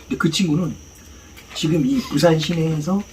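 A man chatting casually as he retells a film story, acting out the dialogue in rough slang. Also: fairly high pitch, moderate pace, darkish tone, rough recording. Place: outdoor fishing spot. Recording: clear outdoor ambient noise.

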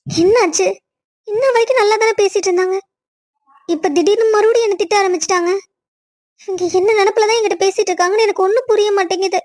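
A high-pitched, timid cartoon girl, played by a woman, tearful and submissive. She pleads softly and never raises her voice. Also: fairly even intonation, fast, pauses often. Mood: confused. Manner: soft, pleading.

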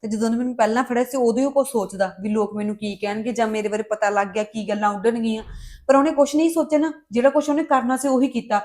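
A woman's voice: fairly high pitch, steady tone, very fast, a little mellow, lightly acted. A woman playing a wronged young daughter in a family drama, talking insistently and indignantly to her mother. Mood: bitter. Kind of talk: Punjabi family drama dialogue.

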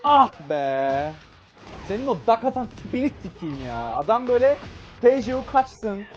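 A player giving live commentary over their own fighting-game matches, excitable and swearing at the opponent constantly. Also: mid-range voice, moderate pace. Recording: muffled lo-fi mic with faint hiss.

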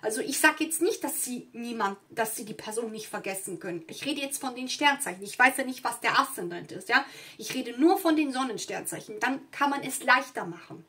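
With a high-leaning, expressive voice that is bright and forceful, a non-native German-speaking woman delivers a brisk tarot reading. She sits indoors at a table with candles and flowers, rambling casually through many fillers and asides.

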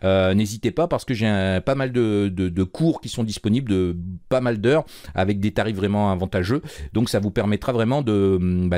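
Low-voiced man explaining code. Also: no room sound. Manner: relaxed, chatty, many fillers and restarts. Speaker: programming course instructor. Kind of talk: screen-recorded coding tutorial.

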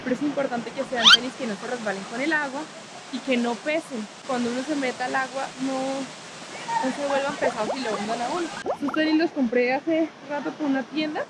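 Outdoors in a small town and countryside, a young Spanish teacher and travel vlogger chats while touring and explaining a grammar point to viewers. Her voice sits high and steady, a little fast, over music and heavy noise.

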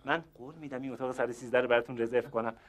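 An actor playing a male hotel clerk who is overly polite and flattering but keeps insisting that guests leave, in a sitcom. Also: medium pitch, close to an everyday voice. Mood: coaxing. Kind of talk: sitcom acting.

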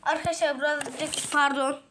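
A child making a gameplay video, chatting casually and repeating excited exclamations in bursts. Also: high voice, moderate pace. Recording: loud background noise.

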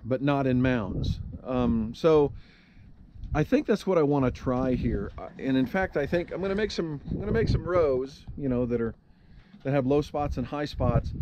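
A man chats casually in a homestead vlog, folksy and rambling with frequent ums and uhs. He is recorded outdoors on dry, windy land. The sound is slightly dull, with faint noise behind him. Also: medium pitch. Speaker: homesteader vlogger.

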